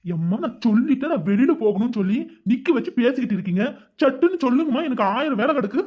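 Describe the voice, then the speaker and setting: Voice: medium pitch, expressive, fast, darkish tone, dull audio, close to an everyday voice. A performer voicing a defiant young man in a cartoon, talking back to his parents in an argumentative way.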